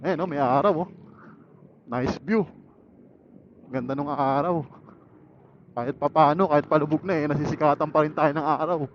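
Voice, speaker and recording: Riding a motorcycle through a city, a Filipino vlogger casually talks to himself in a relaxed, musing manner. He speaks at normal speed in a fairly high voice with fairly even intonation, pausing often, and the helmet intercom mic gives dull sound with faint road noise.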